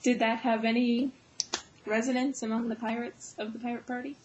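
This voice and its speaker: Higher-voiced woman interviewer. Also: level tone, highs cut off, noisy background. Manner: measured questions with fillers. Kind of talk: radio interview questions.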